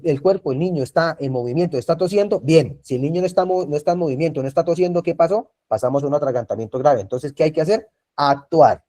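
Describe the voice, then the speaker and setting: Man teaching first aid on a video call, mellow voice. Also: fairly high pitch. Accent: Colombian Spanish. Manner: repetitive, checks in with frequent tag questions. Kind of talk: online class lecture.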